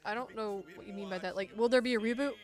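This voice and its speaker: A woman's voice: mid-range voice, fast. A woman in her twenties, a bit congested, chatting casually and playfully while answering viewer questions on a livestream from a home desk mic. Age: 20s. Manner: chatty, playful, self-mocking. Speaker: artist streaming a Q&A. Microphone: desktop mic.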